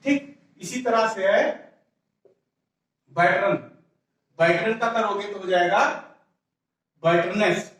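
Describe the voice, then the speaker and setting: A man's voice: sits high, unhurried, long pauses, fairly bright tone. A male teacher explaining English grammar to a class step by step, repeating words and asking rhetorical questions. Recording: echoey room, voice from far off.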